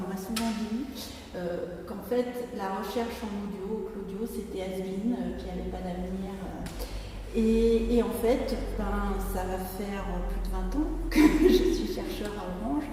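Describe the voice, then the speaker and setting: A middle-aged woman gives an informal research presentation. Her voice is soft-edged and mellow, picked up from a distance in a very reverberant church with faint noise. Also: medium pitch. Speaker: acoustics researcher, speaker. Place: inside a church.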